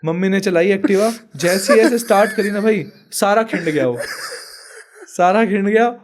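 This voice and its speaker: A man's voice: sits high, normal speed, slight background noise. Young man laughing through a story. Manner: animated, laughs often while telling a story. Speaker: podcast guest. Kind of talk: casual storytelling chat.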